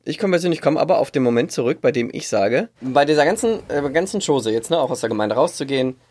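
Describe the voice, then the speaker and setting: A man co-hosting a casual talk podcast, telling stories in an animated way and mixing in English words. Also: medium pitch, quick pace. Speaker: podcast co-host. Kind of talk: casual chat. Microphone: podcast microphone.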